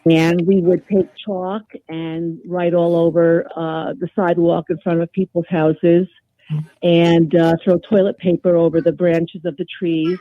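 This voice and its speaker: A woman's voice: lowish voice, flat delivery, a little slow, no echo. A woman from New Jersey chatting casually as a caller on a radio phone-in. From New Jersey, United States. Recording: dull lo-fi phone call.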